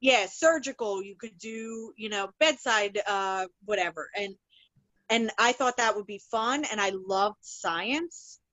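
A woman plumber talking casually in a podcast conversation, chatty and rambling, full of fillers and restarts, and animated when she tells stories. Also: medium pitch, unhurried, dry recording, low-quality recording. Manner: animated, laughs while telling stories. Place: works in Philadelphia.

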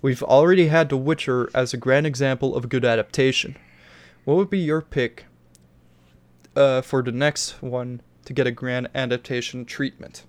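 A man's voice: medium pitch, fairly even intonation, normal speed. A man with a blocked nose hosting a casual podcast, rambling and swearing freely. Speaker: podcast host. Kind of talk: casual chat.

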